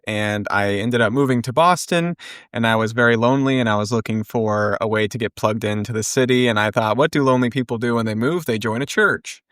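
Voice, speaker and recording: A young adult man telling his story in a podcast interview, relaxed and reflective with frequent ums. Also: mid-range voice, clean tone, no echo, clean studio sound. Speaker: podcast co-host and guest.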